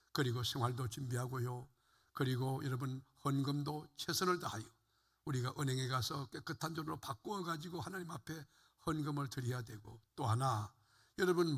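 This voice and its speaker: Older pastor preaching in a reverberant sanctuary. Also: male voice, fairly high pitch, a bit bright, breathy edge. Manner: fervent preaching, rising and falling emphasis, addresses congregation. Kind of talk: sermon. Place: church sanctuary. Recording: long hall reverb.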